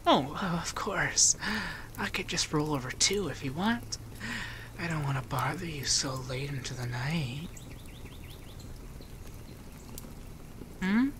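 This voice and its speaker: A man with a slightly high, exaggerated voice plays a femboy monster companion who is affectionate and teasing, whispering breathily in a soft-spoken ASMR roleplay. Here he sounds shy and apologetic, with a little background noise.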